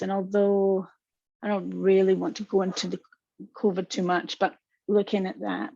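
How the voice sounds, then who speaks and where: In a gravelly mid-range voice and strong Scottish accent, a counsellor presents a webinar, offering warm reassurance directly to her listeners. The lo-fi audio is dull and dry, with no room sound.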